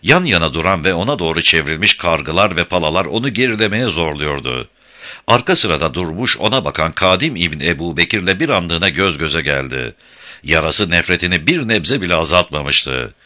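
Deep, bright, expressive male narrator. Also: normal speed. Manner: dramatic, expressive storytelling. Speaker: audiobook narrator. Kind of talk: dramatic scripted narration.

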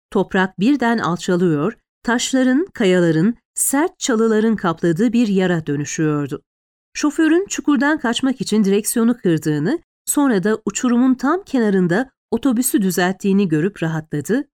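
A woman's voice: mid-range voice, darkish tone, no room sound, clean studio sound. A woman narrating a tense, dramatic audiobook.

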